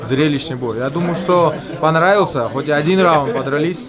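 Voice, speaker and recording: Slightly high-voiced male fighter, crowd behind. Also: normal speed. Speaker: fighter in post-fight interview. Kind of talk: casual spoken interview.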